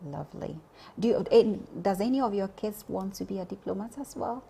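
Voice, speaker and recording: A woman's voice: mid-range voice, a little fast, gravelly, dark tone, husky. A woman hosting a TV interview show, effusive and enthusiastic, with frequent ums. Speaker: TV show host. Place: TV studio.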